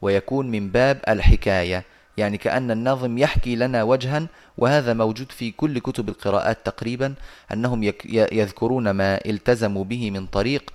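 A man teaching Quran recitation over a video call, patiently explaining and slowly reciting verses. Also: lowish voice.

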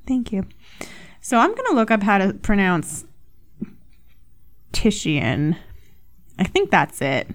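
A woman's voice: medium pitch, wildly swooping pitch, normal speed. A young woman hosting a podcast alone, chatting casually in a rambling, self-mocking way with frequent swearing. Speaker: podcast host. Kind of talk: casual solo podcast chat.

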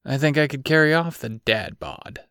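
A man's voice: on the high side, normal speed, fairly bright tone, clean tone, no room sound, clean studio sound, pitched above the performer's own voice, natural voice. A man voicing an eager, wide-eyed grown man. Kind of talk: audiobook character reading.

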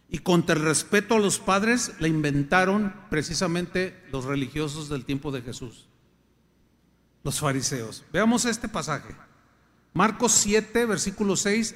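Older mexican preacher guy, emphatic sermon, high voice, big echoey hall. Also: a bit bright. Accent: Mexican Spanish. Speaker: pastor. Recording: long hall reverb.

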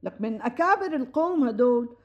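A woman with a Syrian accent playing a chatty, meddling middle-aged matchmaker neighbor in a comic radio play, talking fast and theatrically over others. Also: on the high side, lively intonation, dull audio, lightly acted. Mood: bossy. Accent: Syrian Arabic. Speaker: comic audio drama actress.

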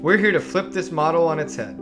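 A woman's voice: low voice, animated, fairly quick, music in the background. A woman co-hosting a podcast, introducing the show in an upbeat way. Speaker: podcast co-host.

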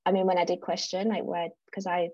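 A woman in her thirties, raised in South Africa and North East England, chats as a podcast guest in a casual interview. She is chatty, laughs easily and restarts often. Her voice is fairly low, husky and mellow, delivered flatly and fairly quickly, on dull audio with no room sound.

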